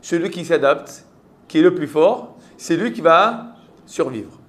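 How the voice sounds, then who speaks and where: A man's voice: fairly high pitch, expressive, a little slow, a bit bright. A man with a French accent, a rabbi giving a Torah class and quizzing his students with rhetorical questions.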